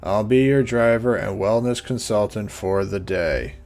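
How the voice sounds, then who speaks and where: A man voicing a bored, croaking male bus driver and tour guide who talks in a slow, flat drawl. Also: lowish voice, soft background music, pitched below the performer's own voice.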